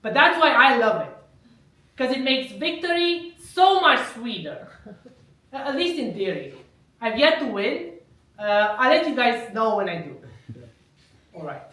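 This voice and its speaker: A woman comedian does live prop stand-up in an unhurried, bright voice that swoops up and down, and she chuckles at her own puns. Her voice is high. The recording is echoey and the mic sits at a distance. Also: big pitch swings. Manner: wry wordplay, laughs at her own jokes.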